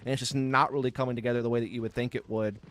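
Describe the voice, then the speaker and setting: A man's voice: mid-range voice, steady tone, rapid-fire, fairly bright tone. A man giving conversational, analytical color commentary on an esports match. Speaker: esports caster.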